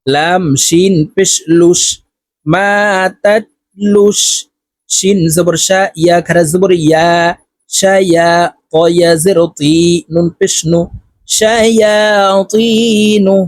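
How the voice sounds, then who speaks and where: A man teaching Quran reading, spelling out each letter and vowel, then reciting the words in a slow drawn-out chant between brisk explanations. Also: high voice, level tone, dry recording.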